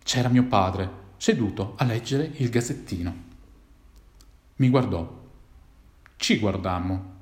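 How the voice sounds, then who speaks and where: A man's voice: lowish voice, expressive, slow, pauses often. A man narrating a childhood memory in the first person, with a dramatic telling that lifts for the tense moments. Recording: roomy echo.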